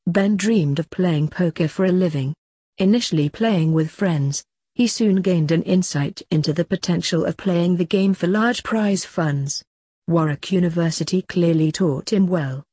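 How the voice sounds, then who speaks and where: Female narrator for scripted article read: formal, mellow and husky, slightly low, very dry sound. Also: dry recording. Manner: formal, reading verbatim.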